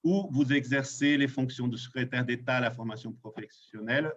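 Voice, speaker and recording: A man moderating a webinar in a formal, measured way, introducing panelists. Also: mid-range voice. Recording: dull lo-fi webinar audio, faint noise.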